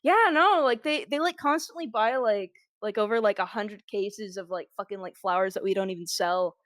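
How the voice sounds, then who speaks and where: A woman's voice: mid-range voice, normal speed, fairly bright tone, no echo. Woman rambling on a call, tons of "like", swears, dry close mic. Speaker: vtuber podcast co-host. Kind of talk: casual group chat.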